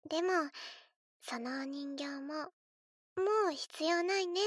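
A high, childlike little girl, speaks slowly in a cutesy, coaxing way. She is spoiled and eerily sweet, addressing the listener as her living doll in a scripted role-play, recorded close and dry. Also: no room sound. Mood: wistful, sweet. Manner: cutesy, coaxing, childlike, refers to herself in third person.

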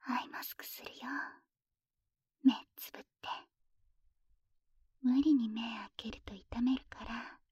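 A woman voicing a playful, teasing young lover in an intimate audio drama, whispering softly close to the microphone. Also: a little high, steady tone, unhurried, pauses often, slightly rough, no echo. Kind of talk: intimate whispered ASMR roleplay.

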